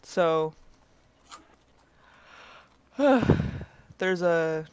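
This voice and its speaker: A player in a tabletop game, chatty and quick to laugh. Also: mid-range voice, lively intonation, smooth, no room sound. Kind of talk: casual tabletop role-play.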